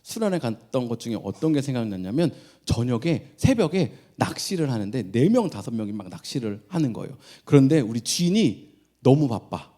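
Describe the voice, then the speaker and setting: A man's voice: mid-range voice, big pitch swings, brisk, warm tone. A middle-aged man, a pastor, leading a prayer and then preaching a sermon, telling family stories and playfully acting out his children's voices. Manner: storytelling, playfully acts out children's voices, laughs often.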